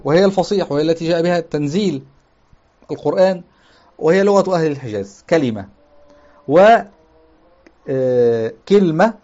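A man's voice: fairly high pitch, a little mellow, lo-fi sound. A man teaching a grammar lesson. He explains step by step, repeats key terms, often checks with his listeners, and raises his voice when he quotes the text.

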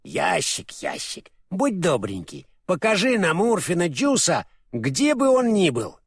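A man's voice: high-pitched, wildly swooping pitch, unhurried, slightly rough, no room sound, clean studio sound, pitched above the performer's own voice, heavily acted. A man voicing an eager, curious straw scarecrow in an audiobook, raising his voice above his narration. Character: eager, earnest male straw scarecrow ruler. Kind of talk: audiobook character voice.

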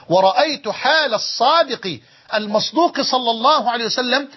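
A man's voice: high-pitched, slightly rough. A man preaching a sermon in an Egyptian accent, telling stories with emotion and repeating key phrases. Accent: Egyptian Arabic. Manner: emotive storytelling with repetition. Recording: dull lo-fi recording.

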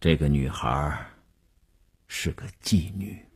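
A shrewd middle-aged businessman in a radio story, played by a man. His voice is very deep and husky, and he talks in a slow, low, weighty way. His pitch climbs and falls widely as he presses his point. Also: big pitch swings, heavily acted. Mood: grave.

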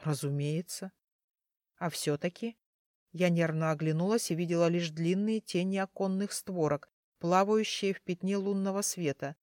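A woman reading a first-person fantasy story as an audiobook narrator, in a measured storytelling manner. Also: on the low side, a little mellow, dry recording, clean studio sound.

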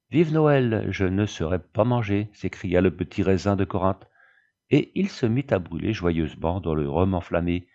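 Male audiobook narrator, measured storytelling, gravelly voice, lo-fi sound. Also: sits low, a little mellow. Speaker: audiobook reader. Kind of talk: scripted narration. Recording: dull lo-fi audiobook recording.

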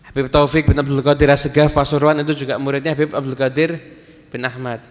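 A man preaching a sermon, telling stories in a relaxed way and acting out the dialogue. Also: mid-range voice, fast talker. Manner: casual Javanese-flavoured Indonesian, acts out quoted dialogue. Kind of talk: sermon storytelling. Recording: long reverb of a hall.

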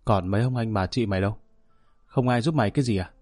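A man's voice: lowish voice, fast, a little mellow, no echo, lightly acted. A man voicing a young tough-looking friend who asks blunt, sympathetic questions in an audiobook story. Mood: concerned.

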